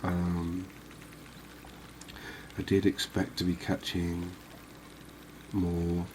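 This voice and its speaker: The audio quality is poor in this clip of a gaming video host narrating gameplay ASMR-style. His deep, very flat voice stays soft and unhurried, moving in long, slow phrases over faint ambient noise.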